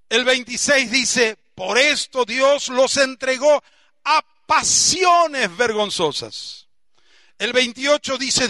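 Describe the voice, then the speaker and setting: A high-voiced Argentine man preaches slowly and deliberately, his tone piercingly bright. He hammers key words with sudden shouts and sinks to a low mutter for asides, all in a dry, close sound. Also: no echo. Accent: Argentine Spanish. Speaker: pastor. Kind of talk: sermon.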